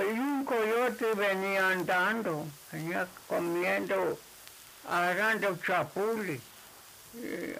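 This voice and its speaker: A man telling a folk tale in an unhurried, repetitive way, tagging nearly every quoted line with "le dijo". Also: high-pitched, creaky, bright, forceful tone, a little hiss or hum, rough recording. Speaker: storyteller.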